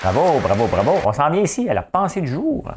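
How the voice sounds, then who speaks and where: A man's voice: fairly high pitch, huge pitch swings, a little fast, over music, crowd noise. A man with a Québécois accent hosting a daily show, casually chatting through trivia and often checking in with the listener. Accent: Québécois French. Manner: chatty, keeps asking the listener "hein?". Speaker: host of a daily news show. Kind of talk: casual monologue sharing trivia.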